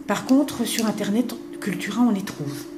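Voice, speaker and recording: A woman's voice: mid-range voice, animated, normal speed, background noise. An older woman chatting casually to the camera as she shows her craft gifts, now and then dropping to a whisper as she admires them. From eastern France. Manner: chatty, warm, drops to a whisper when admiring things. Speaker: craft vlogger.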